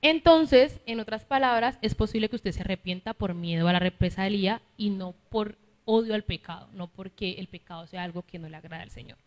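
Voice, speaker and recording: A woman's voice: medium pitch, fairly quick, in a large hall. A woman with a Colombian accent from Cali preaching a sermon, teaching and often asking her listeners for agreement. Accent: Colombian Spanish, Cali. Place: church hall.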